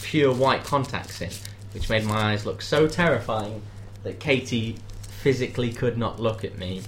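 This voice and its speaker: Cheeky british guy cohosting a chatty podcast, quick jokey delivery, bit of background hiss. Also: fairly low pitch. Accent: British English. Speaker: podcast co-host. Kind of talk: casual chat.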